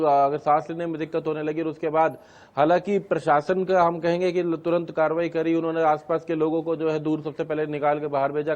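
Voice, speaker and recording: Correspondent guy on a live line, slightly high voice, measured. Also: darkish tone, lo-fi sound. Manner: measured, explanatory with fillers. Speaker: news correspondent. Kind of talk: live news report.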